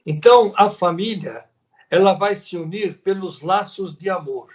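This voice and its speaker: A man's voice: sits high, measured pace. A man with a Brazilian Portuguese accent giving a spiritual lecture at a spiritist center, talking conversationally and repeating words for emphasis.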